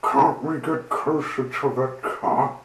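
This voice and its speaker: A man's voice: medium pitch, steady tone, slow pace, distant mic, voice pushed up, natural voice. A man voicing an eager little male steam engine in a storybook reading, breathless and keen. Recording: roomy with faint hiss.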